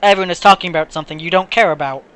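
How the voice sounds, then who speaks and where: A man's voice: high voice, racing, a bit bright, clear, resonant tone. A man hosting a let's play from his bedroom, chatting casually and rambling with frequent swearing. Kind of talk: casual gameplay chat. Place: own bedroom.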